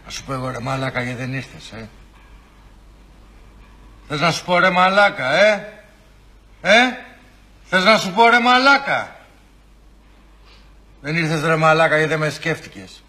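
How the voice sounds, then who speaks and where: A man's voice: fairly high pitch, animated, pauses often, bright, forceful tone. A man playing a sneering collector who badgers and mocks another man about owed money. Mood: taunting. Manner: mocking, badgering questions. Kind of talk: comedy sketch acting.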